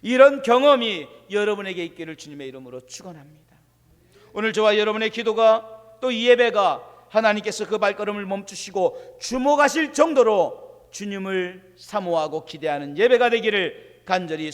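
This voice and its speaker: A male pastor preaching a sermon, swinging between hushed asides and loud, confident proclamations. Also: high voice, animated, normal speed. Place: church sanctuary. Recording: long reverb of a church hall.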